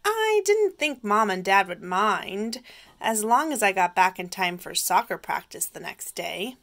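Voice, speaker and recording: A woman teacher reading a picture book aloud slowly and clearly for young children. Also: medium pitch, sing-song, fairly bright tone.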